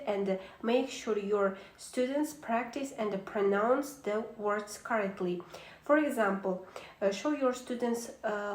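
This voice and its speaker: A woman reading a prepared talk on teaching, steady with a few filler pauses. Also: on the high side, reverberant, rough recording.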